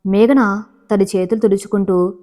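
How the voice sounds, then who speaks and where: A woman narrates a romantic novel aloud in a steady, even storybook reading. Her voice sits at an ordinary middle pitch. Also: normal speed.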